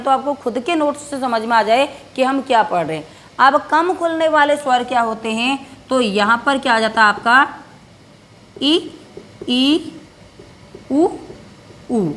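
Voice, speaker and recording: Teacher lady with a higher voice going over grammar, keeps asking then answering herself, slows down for notes. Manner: repetitive, asks and answers her own questions. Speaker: Hindi teacher. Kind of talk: classroom-style grammar lesson.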